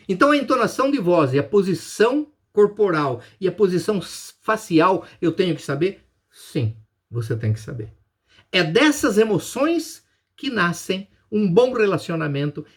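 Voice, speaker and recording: Man, Brazilian Portuguese accent, husky voice, highish pitch, emphatic lecturer. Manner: emphatic, asks and answers his own questions. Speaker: business lecturer. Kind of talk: recorded lecture.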